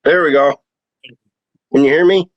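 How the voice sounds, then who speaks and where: A man's voice: on the high side, steady tone, no room sound. Man speaking over a dull video call. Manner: halting, many ums and uhs. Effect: heard over a video call. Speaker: town highway worker reporting to the board. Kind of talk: informal meeting report.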